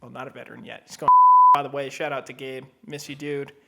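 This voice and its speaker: A man co-hosting a casual podcast, animated and swearing freely, dropping into muttered asides. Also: medium pitch, fast, gravelly, very noisy. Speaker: podcast co-host. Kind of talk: casual chat.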